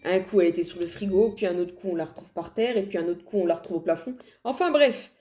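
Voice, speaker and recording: A woman's voice: fairly low pitch, quick pace, dark tone. A woman casually telling paranormal stories, chatty and laughing at herself, with dramatic emphasis. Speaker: paranormal storyteller. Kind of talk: casual storytelling.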